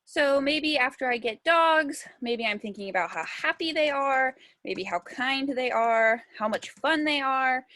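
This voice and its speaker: Young woman music teacher, patient step-by-step delivery, slightly high pitch, dry recording. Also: bright, forceful tone, no room sound. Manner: patient, step-by-step explaining, sounding words out slowly. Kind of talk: virtual classroom lesson.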